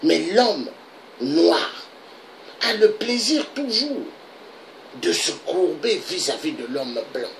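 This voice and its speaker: Speaking slowly with long pauses, this Congolese political vlogger pours out an impassioned monologue of repeated rhetorical questions. His fairly high, sing-song voice is gravelly, and the rough recording has slight background noise.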